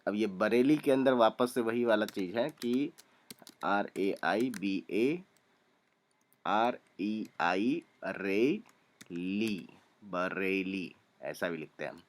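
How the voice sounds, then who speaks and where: A young man teaching a spelling lesson, calmly spelling out names letter by letter and repeating each one. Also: lowish voice, takes it slowly.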